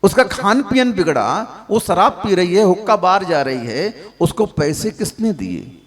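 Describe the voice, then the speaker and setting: High-voiced scolding male preacher. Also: sing-song, measured pace. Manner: reproachful, fires rhetorical questions. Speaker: religious preacher. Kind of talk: scolding sermon to parents. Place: large hall at a public gathering. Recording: long hall reverb.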